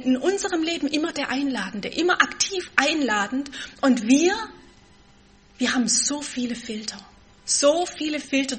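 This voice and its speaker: A woman preaching a sermon, stressing key words with force and then dropping to a soft, quiet tone. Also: high voice.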